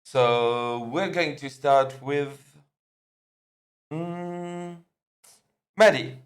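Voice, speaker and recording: A man hosting and moderating a live-stream panel, talking in a halting way with many pauses. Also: fairly high pitch. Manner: halting, lots of fillers and restarts. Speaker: host and moderator.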